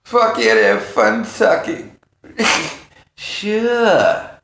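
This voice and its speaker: A man's voice: a little high, big pitch swings, extremely slow, fairly bright tone. A man chatting casually and profanely as a livestream host, rambling and jumping from topic to topic. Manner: rambling, jumps between topics. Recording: roomy, echoing room sound.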